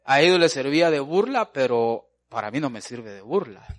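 A man's voice: medium pitch, big pitch swings, normal speed. A man preaching a folksy sermon, calling listeners brother and answering his own questions.

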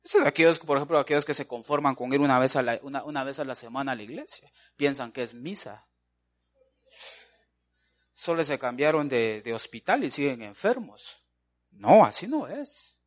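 Man, preacher, sermon, animated pitch swings, folksy question-and-answer. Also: moderate pace. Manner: folksy, addresses listeners as brother, asks and answers his own questions.

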